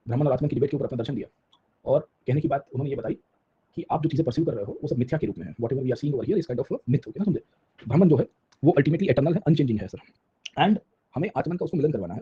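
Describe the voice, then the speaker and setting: Male history lecturer, rapid husky delivery, code-switching, dull lo-fi recording. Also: fairly high pitch. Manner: keeps checking in with the class with tag questions; mixes Hindi and English mid-sentence. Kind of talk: Hinglish classroom lecture.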